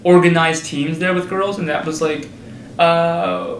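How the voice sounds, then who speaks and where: A man's voice: a little high, steady tone, a little slow, slight background noise. A young man from Connecticut, a college student, answering hesitantly and repeating himself. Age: young adult. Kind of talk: casual interview. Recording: roomy.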